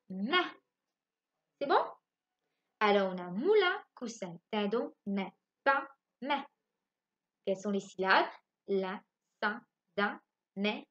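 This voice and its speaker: A woman teaching a phonics lesson to young children from home. She spells out letters slowly and keeps asking the class if they follow. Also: fairly high pitch, a bit bright, dull audio. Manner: slow, spelling out letters and asking checking questions. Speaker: primary school teacher.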